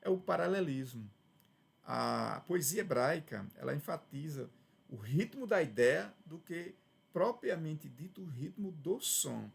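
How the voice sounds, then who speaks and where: Brazilian male Bible teacher, heavy fry, breathy edge, chatty and informal. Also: on the high side, expressive, unhurried. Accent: Brazilian Portuguese. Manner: conversational, frequent "né?" tags and restarts. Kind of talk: Bible study lesson.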